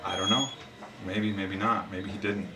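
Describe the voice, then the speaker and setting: A man's voice: low-pitched, normal speed. A man in his thirties talking casually and reflectively, earnest and philosophical. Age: 30s. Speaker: interviewee, show host. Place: small sauna. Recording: echoey room with steady background noise.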